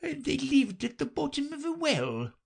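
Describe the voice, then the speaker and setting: A man voicing a sleepy little dormouse with a hoarse, feeble voice. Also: extremely high pitch, wildly swooping pitch, normal speed, pitched above the performer's own voice, exaggerated voice. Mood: drowsy.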